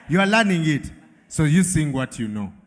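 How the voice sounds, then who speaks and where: A man's voice: fairly high pitch, sing-song, a little slow. A male event emcee with a Ugandan English accent, teasing the crowd in a playful, laughing way. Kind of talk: lively event hosting. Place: large event hall with live audience. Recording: long hall reverb over a PA.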